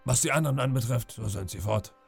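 A man reading an audiobook, voicing a sly, smooth-talking old pirate captain who coaxes with false friendliness. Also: medium pitch, quick pace, soft background music. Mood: storytelling. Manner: wheedling, falsely friendly with sudden threats.

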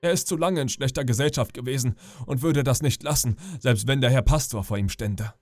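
A man's voice: mid-range voice, a little fast, no echo, clean studio sound, lightly acted. A man voicing a friendly, talkative old ship's cook in a sleep audiobook, genial and boastful. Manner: genial, chatty, boastful storyteller. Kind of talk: audiobook character reading.

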